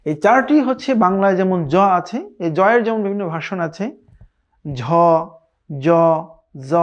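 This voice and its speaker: Patient Bangladeshi man teaching letter sounds. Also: high voice. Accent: Bangladeshi Bengali. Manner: slow, patient, repeats each sound several times; frequent drawn-out "ah" fillers. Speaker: Quran recitation teacher. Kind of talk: online lesson on Arabic letter pronunciation.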